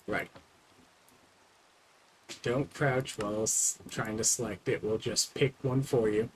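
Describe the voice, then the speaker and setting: A man's voice: fairly low pitch, fairly even intonation, slow pace, a little hiss or hum, poor audio. A man casually commenting on his own gameplay, rambling and talking to himself with frequent fillers. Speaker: streamer.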